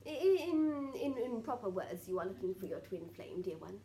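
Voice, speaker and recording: A woman speaking as a seance medium in trance, giving solemn spiritual guidance in halting, repetitive, formally archaic phrases. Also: mid-range voice, sing-song, dark tone, slight background noise. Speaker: trance channeller answering questions as a spirit collective.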